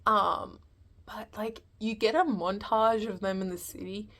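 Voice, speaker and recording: A woman's voice: medium pitch, fairly even intonation, measured pace, fairly bright tone. A woman giving a casual, unscripted film review, hesitant and rambling as she thinks aloud.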